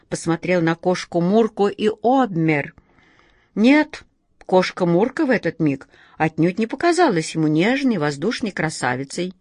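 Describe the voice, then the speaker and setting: A woman's voice: lowish voice, darkish tone, no echo, clean studio sound. A woman narrating a children's story expressively, speaking directly to her listeners.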